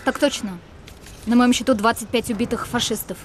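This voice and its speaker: An actress playing a composed young Soviet army sniper, speaking in a restrained, matter-of-fact way in a war film. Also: female voice, fairly high pitch, fairly even intonation, a little fast, slight background noise, close to an everyday voice. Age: young adult.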